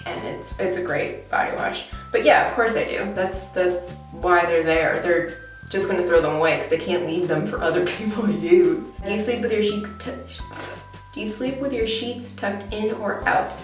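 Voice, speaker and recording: A woman's voice: on the low side, recorded from a distance. A young American woman chatting casually and informally to camera as a vlogger, recorded in an echoey bathroom. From Connecticut, USA. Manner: talky, informal. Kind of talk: casual chatty tag video. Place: small bathroom, indoors.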